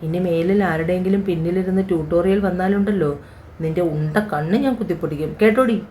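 A man's voice: high-pitched, quick pace, a little mellow, a little hiss or hum, lightly acted. A woman voicing a playful young man who teases his bride-to-be with mock threats. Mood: teasing.

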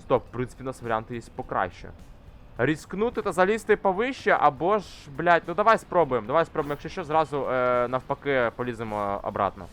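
A young man commenting casually on a climbing game he plays, swearing often and shouting when things go wrong. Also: mid-range voice, expressive, fast talker. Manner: swears constantly, shouts in frustration while climbing. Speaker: gamer. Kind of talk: casual let's-play commentary. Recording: faint game music behind.

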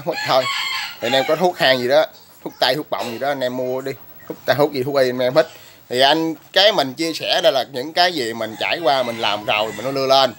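Vlogger, man, rough and blunt, faint noise, roosters crowing behind. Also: mid-range voice, fairly bright tone. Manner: rough, blunt, ranting then explaining. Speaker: chicken-raising vlogger. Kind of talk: casual vlog talk.

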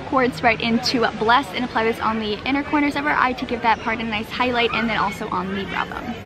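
A young beauty vlogger hosts a makeup tutorial at an outdoor picnic table near the beach, filming herself up close on a handheld camera with music playing. Her voice is a little high, steady and brisk, and she's bubbly and chatty, saying "super" and "fantastic" a lot.

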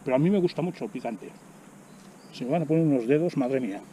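A middle-aged man from chats to a camera set on the ground while he eats outdoors. His voice is mellow and relaxed, and he exclaims freely between bites. Faint insect buzz and outdoor hum sit behind him. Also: mid-range voice, fast talker. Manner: chatty, exclaims while eating. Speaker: vlogger. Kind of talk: casual outdoor vlog narration. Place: outdoors by a road in the woods. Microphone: camera on the ground in front.

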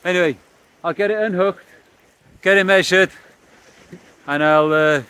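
A middle-aged Welshman, a fishing vlogger, chats casually to a camera set close up, held or on a stand, while fishing on a pebbly seaside beach and explaining what he's doing. His voice is high, bright and smooth, with a forceful tone and a slightly slow pace. The recording quality is low.

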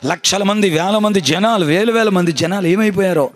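A man's voice: sits high, normal speed. A man preaching a sermon as pastor, emphatic, repeating his phrases and calling on the congregation to answer. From India.

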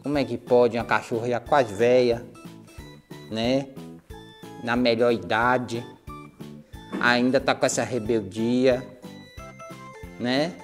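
A woman's voice: a bass voice, fairly even intonation, slow pace, pauses often, soft background music. A Brazilian woman soothing and coaxing her nervous dog through a bath, with sighs and exclamations. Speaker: pet owner vlogger. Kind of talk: casual talk while bathing a dog.

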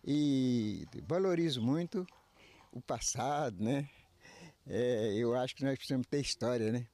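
A man in his eighties, a retiree interviewed outdoors into a handheld microphone, speaking haltingly with many restarts and filler tags. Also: mid-range voice, warm tone, no room sound. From Brazil. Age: 80s. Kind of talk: street interview. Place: outdoors under trees by a house. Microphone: handheld reporter mic.

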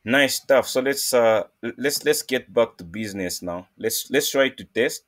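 A man from Zambia hosting a casual screen-recorded coding tutorial, talking in a halting way with many fillers and restarts. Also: medium pitch, expressive, a bit bright. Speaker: programming tutorial host.

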